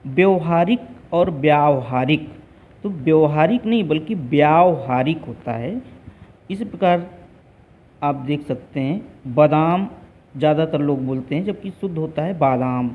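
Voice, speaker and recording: A middle-aged man teaching a spelling lesson, speaking slowly and deliberately and repeating words for emphasis. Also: fairly high pitch, animated, phone-quality sound. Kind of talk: classroom lesson on Hindi spelling.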